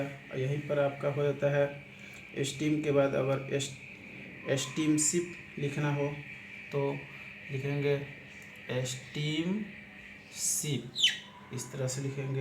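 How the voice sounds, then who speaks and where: Man, shorthand teacher, step-by-step explaining, spells words out, monotone, roomy echo, noisy background. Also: medium pitch. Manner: repetitive, step-by-step explaining, keeps saying "aapka". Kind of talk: spoken lesson walking through examples. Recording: echoey room with clear background noise.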